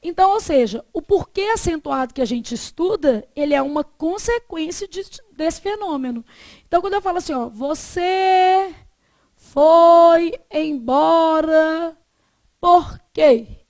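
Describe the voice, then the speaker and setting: A Brazilian woman teaching a classroom grammar lecture, constantly checking whether the students follow with quick tag questions. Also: very high voice, animated, warm tone, dry recording.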